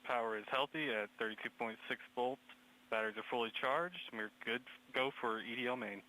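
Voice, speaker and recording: Man, medium pitch, crisp bright tone, procedural status report. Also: brisk, poor audio. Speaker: power systems operator.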